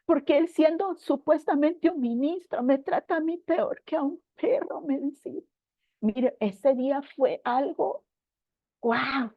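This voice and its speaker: A woman's voice: sits high, animated, a little slow, dry recording. A woman giving a personal spiritual testimony at church, telling her story with earnest emotion and addressing her listener as brother. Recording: dull, dry, slightly lo-fi recording.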